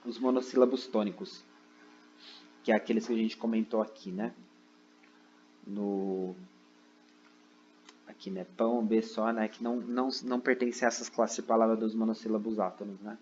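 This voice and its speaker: A man's voice: fairly low pitch, fairly even intonation, normal speed, long pauses, a little mellow, lo-fi sound, slight background noise. A man explaining a lesson from his computer, constantly checking in with "né?" and "ok?". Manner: explaining step by step, frequent "né?" and "ok?" checks. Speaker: teacher. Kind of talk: recorded online lesson. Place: seated at a computer indoors.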